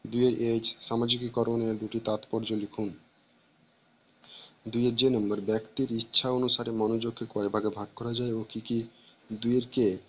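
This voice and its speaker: A man reads out exam questions one by one, in a level, even voice with little rise and fall. He moves through the answer choices at a measured, steady pace, stopping now and then to restart a word. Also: medium pitch, dull audio. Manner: flat, steady reading with small restarts. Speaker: teacher reading an exam paper. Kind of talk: reading exam questions aloud.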